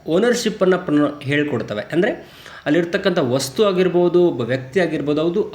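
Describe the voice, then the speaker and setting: A man teaching grammar, reading his English example sentences slowly and deliberately. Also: fairly high pitch, echoey room. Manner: slow, deliberate English example sentences between quick Kannada explanations. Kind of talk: explaining grammar in a lesson.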